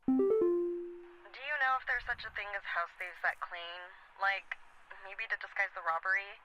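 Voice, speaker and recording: A woman's voice: mid-range voice, unhurried, loud music behind the voice. A woman playing a puzzled homeowner calling a helpline, conversational, through a telephone filter. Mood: puzzled, uneasy. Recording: noisy radio-like telephone line.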